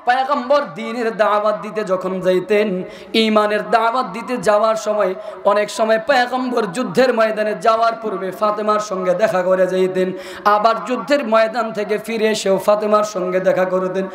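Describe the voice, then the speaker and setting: Guy with a really high voice doing a chanting sermon, passionate, half sung. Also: fairly even intonation, moderate pace, a bit bright, roomy sound. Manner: chanting, impassioned storytelling. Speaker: Islamic preacher. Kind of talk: sung Bengali waz sermon.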